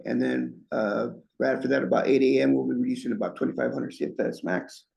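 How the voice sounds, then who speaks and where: A man's voice: mid-range voice, fairly even intonation, fast, vocal fry, a little mellow. A man with slightly impeded speech from a swollen lip gives an informal, folksy update at a meeting as a staff presenter. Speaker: irrigation district staff presenter.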